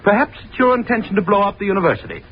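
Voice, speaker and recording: An actor playing a stern, exasperated, pompous professor with clipped formal phrasing in a 1930s radio drama. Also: male voice, high-pitched, racing, lightly acted. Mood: stern, sarcastic. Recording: dull, noisy 1930s radio recording.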